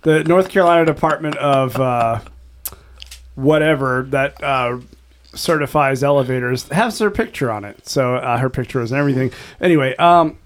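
A man's voice: medium pitch, moderate pace. A man hosting a casual podcast tasting chat, rambling with many fillers. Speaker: podcast host.

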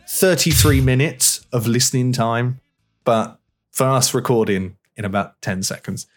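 A man hosting a podcast, talking in a relaxed, chatty way with plenty of fillers. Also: medium pitch, measured pace, soft background music. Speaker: podcast host. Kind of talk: casual chat.

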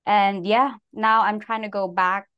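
A woman's voice: medium pitch, unhurried, clean tone, muffled recording. A young adult woman from the Philippines, a guest talking casually in an interview with many filler words. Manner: relaxed, lots of "like" fillers, laughs between phrases.

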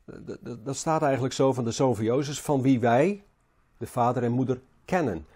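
Husky, mellow preacher. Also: male voice, mid-range voice. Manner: halting, repeats words, rises and falls in emphasis. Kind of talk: sermon.

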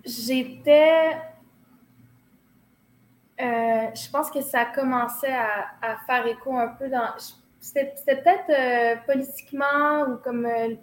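A choreographer from Quebec, a woman in her thirties with a Québécois French accent, speaks as an interview guest, reflective and hesitant with many fillers and restarts. Her voice sits high with fairly even intonation and a slow pace, in a roomy recording with faint noise.

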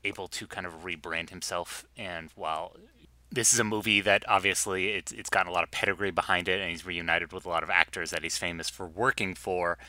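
A man's voice: sits low, steady tone, a little fast, bright, forceful tone. A man co-hosting a podcast in casual chat, playful and laughing, with rambling sentences. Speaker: podcast co-host.

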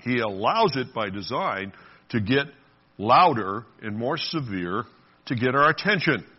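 Husky, lively-voiced male preacher. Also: medium pitch, a little slow, lo-fi sound. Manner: conversational preaching with laughs and playful voices. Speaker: pastor. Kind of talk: sermon.

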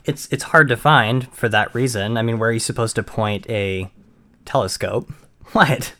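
A man's voice: fairly low pitch, moderate pace, pushed and bright. A man from Maine co-hosting a podcast, explaining in casual chat with frequent ums and restarts. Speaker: podcast co-host.

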